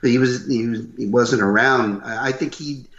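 An older man with a loud, gruff voice, telling animated stories as a voice actor being interviewed. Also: medium pitch, moderate pace. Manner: animated, acts out what others said. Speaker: voice actor guest. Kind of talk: interview storytelling. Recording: roomy, slightly dull recording.

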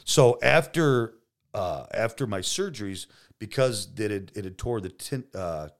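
An injured police detective, guesting on a podcast, tells stories casually in the studio with a deep, loud, animated voice at a measured pace. He jokes and swears, frequently acting out quoted dialogue.

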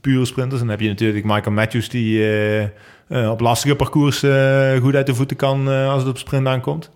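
A man's voice: medium pitch, flat delivery, normal speed, darkish tone. Cyclist guy in his 30s, ums a lot, restarts his sentences, plain middle voice. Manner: hesitant, many ums and restarts. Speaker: professional cyclist, sprint lead-out rider. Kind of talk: interview answers recalling races.

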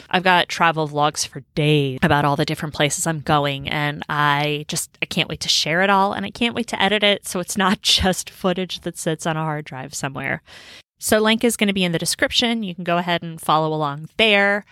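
A woman's voice: on the low side, fairly bright tone, dry recording, studio quality. A woman in her thirties chatting casually as a podcast host, bubbly, slangy and rambling, recording indoors on a boat. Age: 30s. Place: indoors in a room on a river boat.

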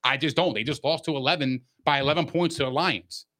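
Man, bright punchy voice, slightly high pitch, casual sports debate, argumentative, repetitive emphasis, slangy and sweary. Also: quick pace. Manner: argumentative, insistent, repeats points for emphasis; profane, slangy. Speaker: sports podcast co-host.

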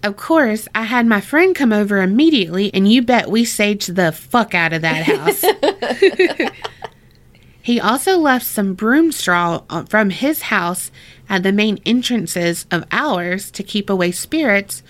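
A woman with a mid-range voice and lively intonation speaks a little slowly as she co-hosts a podcast. Chatting casually, she reads a listener's story aloud, laughing often and swearing freely.

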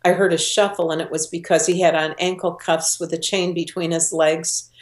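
A woman's voice: lowish voice, little pitch movement, normal speed. A middle-aged woman, a guest in an interview, telling a personal story earnestly and voicing the people she quotes. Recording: roomy echo.

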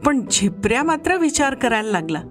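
A woman narrating a children's story, acting out the children's voices with lively shifts. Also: high voice, a little fast, soft background music.

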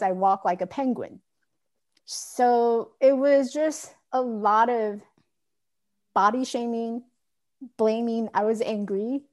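An adult woman from Taiwan, her voice on the high side and a little mellow, tells her life story as a guest on a podcast interview. She comes across as earnest and candid.

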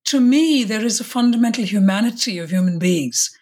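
A woman's voice: mid-range voice, animated, fairly quick, a little mellow, husky. A woman, a podcast guest in a conversational interview, speaking reflectively with restarts and self-corrections. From India.

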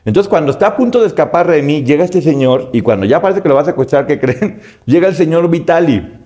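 A man's voice: fairly high pitch, lively intonation, fast talker, mellow. A man with a Mexican Spanish accent casually retelling a cartoon's plot in a spoken review, joking and sarcastic, often correcting himself mid-sentence.

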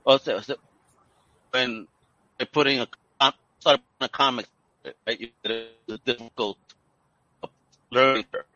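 A man's voice: mid-range voice, fairly even intonation, measured pace, long pauses, bright, forceful tone, no echo, dull audio. A man hosting a casual live interview, his video-call audio breaking up and cutting out as he jokes and asks questions. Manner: laid-back, jokey, laughs between questions. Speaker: interviewer host of a live show.

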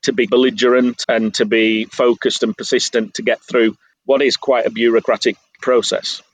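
A middle-aged man with an English accent answers interview questions in a candid, measured way, gently poking fun at himself. His voice sits at an ordinary pitch. The sound is dry and close. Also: little pitch movement, dry recording, low-quality recording. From England. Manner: candid, self-deprecating, measured. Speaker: guest, business owner abroad. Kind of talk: interview conversation.

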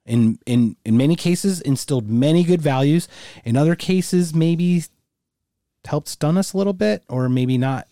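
A man's voice: on the high side, moderate pace, dark tone, dry recording, clean studio sound. A man hosting a casual podcast chat, bantering and swearing freely as he talks. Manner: profane, bantering. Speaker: podcast host.

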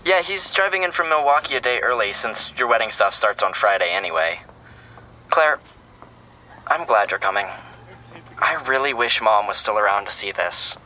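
An actor playing a sentimental, teasing young American younger brother in a naturalistic audio drama. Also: male voice, medium pitch, animated, moderate pace, pushed and bright, a little hiss or hum, rough recording. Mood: tender. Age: young adult. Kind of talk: scripted audio drama, phone conversation.

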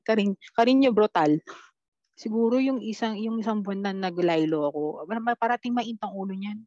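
A woman telling her experiences as a podcast guest, quoting her own dialogue in a blunt, animated way. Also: medium pitch, moderate pace, no room sound, muffled recording. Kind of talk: casual storytelling chat.

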